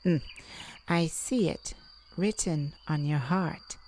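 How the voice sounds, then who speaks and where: A woman plays a calm, enigmatic mystic in an intimate audio roleplay, speaking unhurriedly in a slightly low voice. Her soothing delivery has hesitant pauses, as if she were peering into someone's mind. Faint birds and crickets sit behind her, along with a little hiss or hum.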